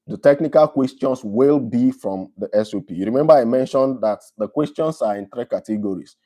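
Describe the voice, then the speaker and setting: A man from Nigeria with a Nigerian accent, hosting a live stream and reading out viewer questions before answering them in a relaxed, conversational way. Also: medium pitch.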